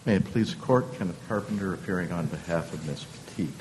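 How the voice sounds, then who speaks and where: A deep-voiced man delivers a formal legal argument. He is deliberate and halting, often hesitating, in a reverberant hall with a faint background rumble. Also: darkish tone. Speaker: appellant's lawyer. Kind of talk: formal oral argument to a court. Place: large conference hall.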